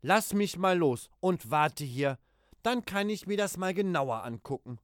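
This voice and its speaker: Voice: medium pitch, expressive, a little slow, dry recording, studio quality, natural voice. A performer playing a young child, teasing yet caring and curious, in a children's audio drama.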